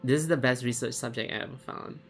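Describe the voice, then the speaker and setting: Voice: medium pitch, fast talker, lightly acted. A performer voicing a cold researcher in a game, clinical and self-satisfied. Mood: gloating. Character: cold, gloating researcher doctor. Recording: music behind the voice.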